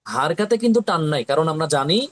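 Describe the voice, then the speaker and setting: A man's voice: on the high side, expressive. Patient male teacher drilling syllables. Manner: patient, repeats syllables slowly and asks pupils to repeat. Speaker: Quran reading teacher. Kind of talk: slow drilling lesson with repetition.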